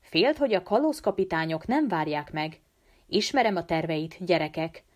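An earnest teenage boy leader pleads urgently with his friends, as a woman reads him in an audiobook. The voice sits a little low and stays steady and serious, an ordinary reading voice with an urgent push.

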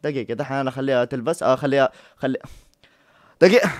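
A man's voice: medium pitch, fairly even intonation, very fast, dry recording, clean studio sound. A man commenting on a prank video in a joking, teasing way. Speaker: YouTuber reacting to a prank video. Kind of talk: casual reaction commentary.

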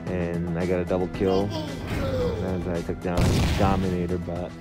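Low, muffled man talking through a face mask. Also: very animated, unhurried. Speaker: gamer narrating own gameplay video. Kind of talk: casual gameplay commentary. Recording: game music and gunfire behind. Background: game music, gunfire, vehicle sounds.

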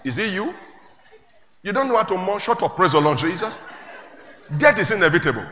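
Preacher man, bright voice, echoey hall. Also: high voice, big pitch swings, fast talker. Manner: call-and-response preaching, rising to shouts. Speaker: pastor. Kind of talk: sermon. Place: church hall with congregation. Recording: echoey church hall, faint room noise.

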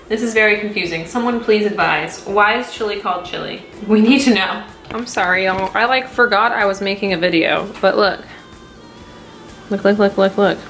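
A woman in her twenties rambles chattily through a cooking vlog in her small home kitchen, poking fun at herself. Her voice is mid-range and fairly bright, picked up by a close camera mic with a roomy sound.

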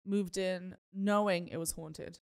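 A woman's voice: on the low side, steady tone, takes it slowly, darkish tone. A British woman co-hosting a casual podcast chat, explaining things in a chatty way with frequent restarts. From United Kingdom. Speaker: co-host.

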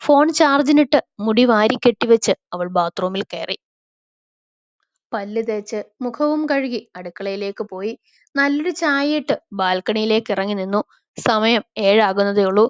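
A woman narrating a romantic short story in a calm, even storytelling manner. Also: medium pitch, unhurried, no echo. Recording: slightly dull, dry recording.

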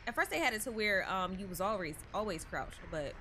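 A woman's voice: mid-range voice, big pitch swings, a little fast, a crowd in the background. A woman streaming a horror game, chatting casually and trash-talking her party. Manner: playful, blunt trash talk. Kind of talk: casual chat while gaming. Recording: noisy game audio behind.

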